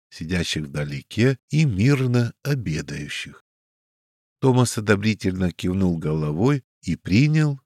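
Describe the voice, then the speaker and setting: Male audiobook narrator, low voice, dry close recording. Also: dry recording. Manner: steady storytelling. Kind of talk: scripted narration.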